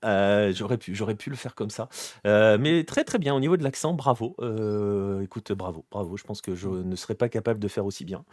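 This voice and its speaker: A man's voice: on the low side, brisk, darkish tone, no echo, clean studio sound. A man hosting a casual live football talk show, chatting loosely with many hesitations and greeting viewers in the chat. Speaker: podcast host.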